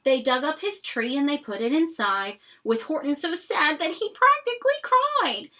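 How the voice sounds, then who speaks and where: A woman's voice: high voice, sing-song, normal speed, bright, forceful tone. A woman reading a rhyming children's story aloud expressively and dramatically, with chatty asides.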